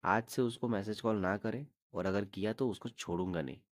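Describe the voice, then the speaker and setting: A man's voice: on the low side, moderate pace, dry recording, studio quality, voice pushed down, lightly acted. A man voicing a threatening, angry young brother in a storybook drama.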